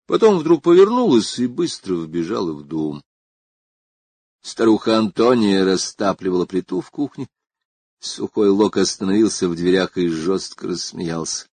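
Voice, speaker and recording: A man reads a story aloud in an unhurried, expressive way. His low voice is gravelly and husky, and his pitch rises and falls widely. The recording is close and dry. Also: no echo. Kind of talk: scripted narration of a story.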